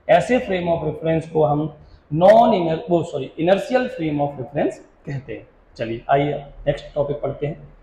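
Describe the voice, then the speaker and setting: A man teaching a physics class, slowly repeating definitions and quizzing students, mixing in English terms. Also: high voice, a little mellow, roomy sound, rough recording. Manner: mixes Hindi with English terms. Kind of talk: classroom lecture.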